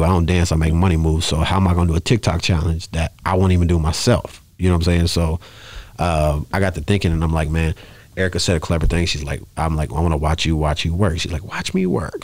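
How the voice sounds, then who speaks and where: On a close, arm-mounted studio mic in a small indoor podcast studio, with headphones on, a rapper around thirty chats casually as a guest. His low, slightly mellow voice meanders through stories, regularly punctuated by "you know what I'm saying," and there's no echo.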